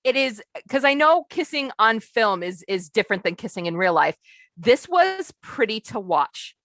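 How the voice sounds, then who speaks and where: A woman's voice: on the high side, big pitch swings, moderate pace, fairly bright tone, dry recording. A woman co-hosting a casual film podcast, gushing and rambling with lots of "like". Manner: gushing, rambling, many likes. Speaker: podcast co-host. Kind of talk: casual chat.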